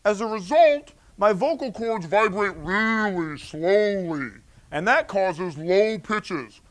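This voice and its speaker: A science presenter explaining a demonstration while their voice sounds deepened by a heavy gas they have breathed in. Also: animated, slow.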